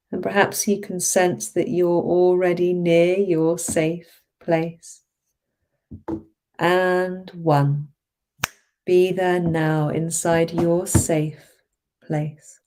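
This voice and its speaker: Drawing out each phrase, a woman with a soft, dark, relaxed, slightly low voice gently encourages her listener. She guides the hypnosis session in a therapist's manner, very slow and soothing.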